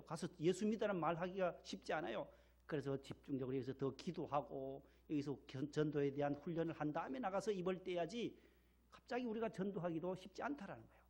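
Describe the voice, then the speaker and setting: A man's voice: high voice, darkish tone. A man from the region of Korea, a pastor, delivering a sermon in a church and stressing key words by repeating them. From Gyeongsang region, Korea. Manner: emphatic, repeats key words, leads call-and-response. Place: church sanctuary.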